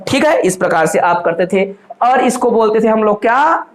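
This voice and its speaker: A man's voice: sits high, lively intonation, moderate pace. A man lecturing on university mathematics, constantly posing questions to his students and answering them himself, calling them children. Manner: addresses listeners fondly as children. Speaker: math lecturer. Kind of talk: classroom lecture in Hindi mixed with English terms.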